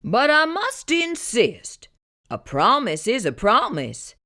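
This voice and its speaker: A woman putting on voices for the animal characters of a read-aloud picture book, slow and exaggerated. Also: a little high, wildly swooping pitch, bright, forceful tone, voice pushed up, exaggerated voice. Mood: cheerful. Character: mixed animal characters, moose, rabbit, goats, sheep.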